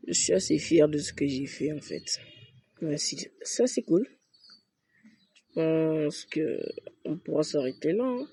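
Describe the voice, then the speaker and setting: A young man, chatting slowly through his game and muttering to himself. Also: a little high, lively intonation, creaky, dark tone, husky, dry recording. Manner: talks to himself, mutters and swears at mistakes. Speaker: gaming youtuber. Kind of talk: casual let's-play commentary.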